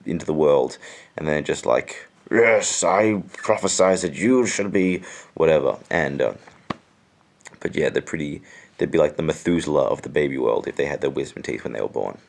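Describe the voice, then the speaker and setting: A young man with an extremely low voice full of creaky fry. His jaw is swollen and sore after dental surgery. He rambles casually in a dry, deadpan way, as in a home vlog. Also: a little fast. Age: young adult. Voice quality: gravelly, creaky voice. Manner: deadpan, dryly joking. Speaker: vlogger. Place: indoors at home. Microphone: handheld camera at arm's length.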